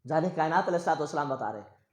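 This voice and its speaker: Emphatic preacher. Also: male voice, a little high, expressive. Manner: emphatic, swells loud on key phrases. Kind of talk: Urdu sermon with storytelling. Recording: echoey room.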